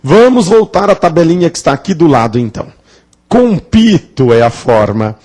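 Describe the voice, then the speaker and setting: A man's voice: fairly high pitch, sing-song, normal speed, darkish tone. A man teaching a grammar lesson at a classroom blackboard, playful, asking the class questions and drawing out words for emphasis. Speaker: Portuguese teacher.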